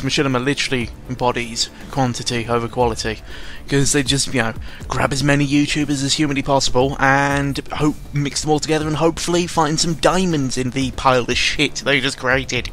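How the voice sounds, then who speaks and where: With music playing in the background, a young adult YouTuber records an audio log of unscripted, casual news commentary. His voice is mid-pitched and fairly bright, and he rambles and stumbles, cutting himself off mid-thought, in a dry, sarcastic, self-deprecating manner with an exasperated edge.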